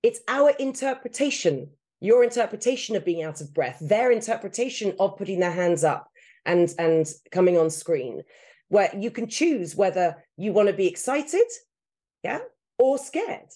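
Brief: woman co-host, mellow warm tone, earnest explainer. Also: medium pitch, lively intonation, moderate pace. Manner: earnest, explanatory, builds points with repetition. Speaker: podcast co-host and coach. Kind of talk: casual podcast chat.

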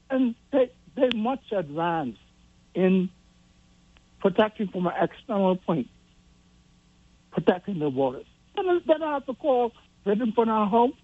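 A radio caller speaking in a halting way, with frequent restarts, heard over a phone line. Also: mid-range voice. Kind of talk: call-in opinion. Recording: husky, dry phone line.

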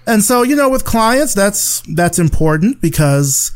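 A man's voice: sits high, very animated, a little slow. A man from rural Alabama, a podcast guest speaking candidly in casual conversation, often restarting his sentences. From rural Alabama, USA. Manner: candid, thoughtful, frequent restarts.

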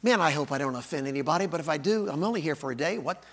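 A middle-aged male pastor preaching a sermon with animated, folksy stories. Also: fairly high pitch, rapid-fire, background noise. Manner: animated, folksy storytelling, acts out voices.

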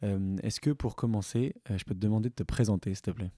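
Un homme qui anime un podcast, présente l'épisode puis pose ses questions avec hésitation. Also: male voice, on the low side, fast, mellow, no room sound, studio quality. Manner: friendly, hesitant questions. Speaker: podcast host. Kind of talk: podcast intro and interview.

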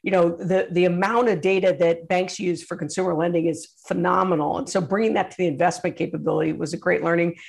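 A woman executive giving conversational interview answers as a guest, somewhat halting as she works through her points. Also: fairly low pitch, steady tone, creaky, darkish tone.

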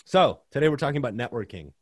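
A man hosting a casual podcast, joking and animated as he talks over a video call. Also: mid-range voice, quick pace, no room sound, studio quality. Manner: animated, joking, sings the intro. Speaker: podcast host.

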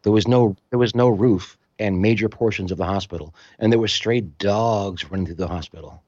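A man telling a story in casual conversation, animated and acting out other people's voices, in a slightly muffled recording. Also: lowish voice, a little fast, no echo. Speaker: storytelling guest musician.

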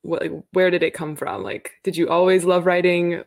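A woman interviewer asking thoughtful, measured questions with some fillers. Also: on the low side, steady tone. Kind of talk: conversational interview.

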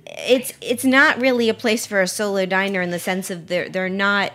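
A woman's voice: mid-range voice, fairly even intonation, moderate pace, fairly bright tone. Chatty woman hosting a radio show. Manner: chatty with frequent restarts and laughs. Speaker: podcast host. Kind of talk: casual radio interview chat.

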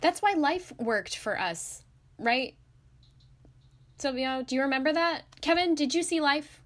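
A woman co-hosting a movie podcast in casual chat, thoughtful and quick to laugh. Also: high-pitched, lively intonation, a bit bright. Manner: laughs often, thoughtful and analytical. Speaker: podcast co-host.

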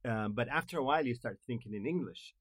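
A man's voice: mid-range voice, animated, no room sound. A man with a Gulf Arabic accent and Arabic as his first language, speaking hesitantly in a casual group conversation. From Kuwait. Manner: hesitant, halting. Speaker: discussion panelist.

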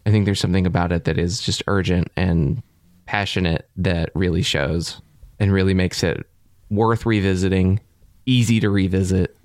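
A man co-hosting a podcast who talks with enthusiasm, often pausing to search for his words. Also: low voice, fairly even intonation, a little mellow. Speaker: podcast co-host. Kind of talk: casual chat.

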